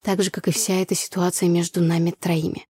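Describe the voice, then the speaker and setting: A woman narrating a first-person audiobook story with an even, storytelling delivery. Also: lowish voice, brisk, husky, dry recording, clean studio sound.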